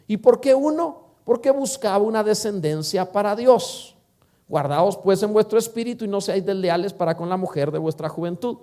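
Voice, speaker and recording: A male pastor preaching a sermon, swinging from emphatic rises to hushed, low-spoken drops. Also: moderate pace.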